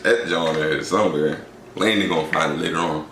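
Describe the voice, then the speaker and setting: A young man with a very low voice talks loose and slangy while eating on camera. He sits a little back from the mic, so he sounds distant in an echoey room with faint background hum. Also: brisk. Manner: laid-back slangy talk. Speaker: vlog co-host. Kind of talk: casual mukbang chat.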